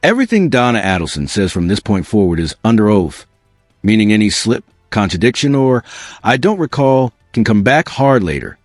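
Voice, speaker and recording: A dry, close recording over faint music carries a man's legal commentary. His delivery is scripted, punchy and dramatic, with lively swings in a lowish voice. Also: moderate pace, dry recording. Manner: dramatic, punchy, addresses viewers directly.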